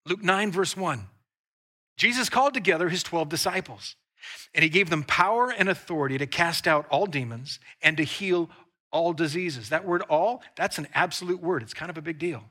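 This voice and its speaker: A man's voice: fairly high pitch, a little fast, sharp tone. A man preaching a sermon in a conversational, emphatic way, explaining scripture and paraphrasing dialogue. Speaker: pastor.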